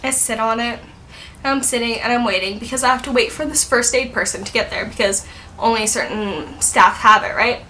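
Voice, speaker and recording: A woman's voice: fairly high pitch, brisk, sharp tone, a little hiss or hum. A woman in her twenties telling a story in a casual vlog. She rambles and says "like" a lot. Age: 20s. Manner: chatty, rambling, heavy use of "like". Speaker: vlogger.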